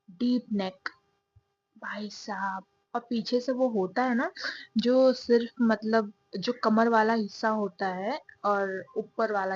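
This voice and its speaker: A woman's voice: on the high side, no echo. A young woman narrating a story in a chatty, self-mocking, confiding way, as if talking to her viewers. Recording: dull, dry sound.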